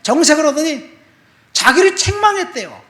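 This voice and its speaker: A man's voice: very high-pitched, big pitch swings, normal speed. Storytelling male pastor in an echoey church. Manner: storytelling, swinging between soft asides and loud emphatic appeals. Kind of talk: sermon with personal testimony. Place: church sanctuary.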